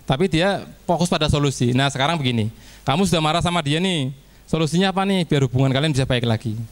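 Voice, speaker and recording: A fairly high-voiced man talks to fellow teachers in a relaxed training session. He is chatty and loose, and slips into quick acted-out exchanges between teacher and student. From Indonesia. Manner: chatty, acts out teacher-student dialogues with little laughs. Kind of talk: informal training presentation.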